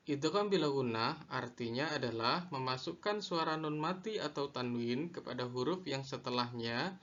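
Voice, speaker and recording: A man teaching a lesson on Quran recitation rules, slow and deliberate, repeating each definition. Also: medium pitch, a bit bright, lo-fi sound. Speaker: religious studies teacher.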